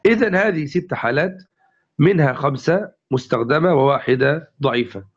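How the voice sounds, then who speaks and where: A man's voice: fairly high pitch, lively intonation, moderate pace, breathy edge. A male teacher giving a classical grammar lesson to a class, explaining step by step and repeating each example. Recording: dull lo-fi recording.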